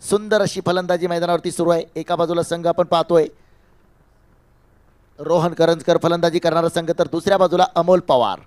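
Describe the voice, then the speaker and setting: Male co-commentator, quick and brisk, high voice. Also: fairly even intonation, darkish tone, clean tone. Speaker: cricket co-commentator. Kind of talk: live match commentary.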